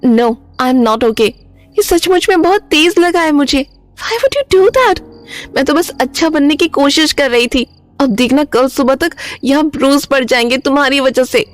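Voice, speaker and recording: A woman's voice: sits high, lively intonation, unhurried, soft background music. An actress playing a dramatic young woman, an aspiring model, who whines and mixes Hindi with English. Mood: indignant. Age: young adult. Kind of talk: audio drama acting.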